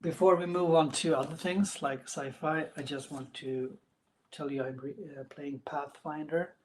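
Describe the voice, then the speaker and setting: A man chatting casually and unscripted as a vlogger about his hobbies, speaking in a hesitant, halting way with broken phrases. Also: on the high side, fairly even intonation, darkish tone, slight background noise, poor audio. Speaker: book and gaming vlogger. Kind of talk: casual unscripted video chat about reading and games.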